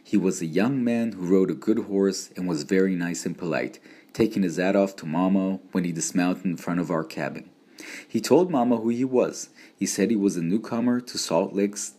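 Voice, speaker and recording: Deep-voiced man narrating a story. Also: moderate pace, mellow. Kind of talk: audiobook narration.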